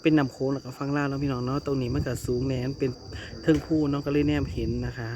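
A man with an Isan Northeastern Thai accent narrates a walking tour in a chatty way and keeps calling out to the viewers who follow along. His voice sits at an ordinary middle pitch. Insects chirp and traffic rumbles behind him in a noisy outdoor recording. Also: level tone, quick pace. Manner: chatty, constantly addresses viewers as brothers and sisters. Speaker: travel vlogger and tour guide. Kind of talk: casual walking tour commentary. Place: outdoor hilltop temple and viewpoint.

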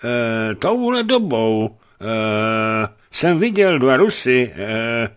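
A man's voice: mid-range voice, big pitch swings, a bit bright, smooth, pitched above the performer's own voice. A man voicing a simple, timid male servant who halts and stammers with "eh" between words. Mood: hesitant. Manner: halting, full of "eh" fillers.

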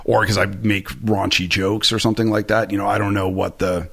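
A man in his forties, guesting on a podcast, talks candidly in a low, flat, fairly quick voice that's gravelly and fairly bright with a breathy edge. He rambles through a candid conversational interview, full of fillers and self-deprecating asides. He sits close to a boom-arm studio mic in a small room with bright orange shelves.

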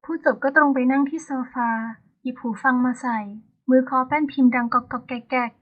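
A woman's voice: high-pitched, fairly quick. A woman narrating a romance audiobook in a storytelling style, voicing the characters' lines as they come. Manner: lively, voices characters' lines in dialogue. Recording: phone-like narrow band.

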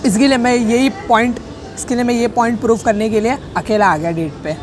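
Talking into a handheld camera in a public cafe, a young man vlogs casually in a very high-pitched voice at a slightly quick pace. He rambles, cracks jokes, and corrects himself as he goes.

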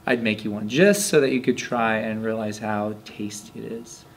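A man in his thirties, an English teacher, answering interview questions in a relaxed, halting way in a classroom. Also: lowish voice, slight background noise. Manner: relaxed, halting, many fillers. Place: classroom, indoors. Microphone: handheld mic held by interviewer.

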